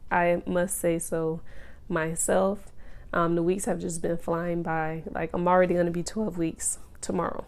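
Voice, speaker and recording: Speaking in a fairly low, darkish voice, a woman vlogs casually to camera about her pregnancy, walking through things step by step. She's chatty and full of ums and you-knows, and a cold leaves her sounding a little nasal.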